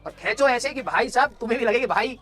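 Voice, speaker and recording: Fast-talking motivational male teacher. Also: extremely high pitch, lively intonation, bright, forceful tone, faint music behind. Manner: blunt, scolding yet encouraging, asks "clear?". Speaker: coaching teacher. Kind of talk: motivational class talk.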